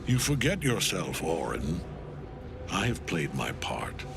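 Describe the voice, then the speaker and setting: An older man playing a grim, proud undead general in a video game, gravelly, stern and imperious. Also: sits low, huge pitch swings, slow, background noise, exaggerated voice. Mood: cold defiance. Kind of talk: dramatic video game acting.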